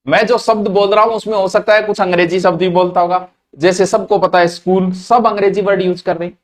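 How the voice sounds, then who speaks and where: High-voiced Hindi grammar teacher with a Marwari accent. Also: male voice, steady tone, fast. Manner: mixes Marwari words into Hindi, asks questions and answers them. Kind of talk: classroom grammar lesson.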